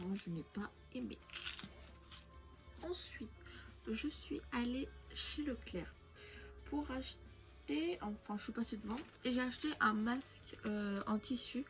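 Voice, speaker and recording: A young woman from France chatting casually through a shopping haul, rambling with many fillers and restarts. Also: on the high side. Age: young adult. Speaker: beauty vlogger. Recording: music playing behind.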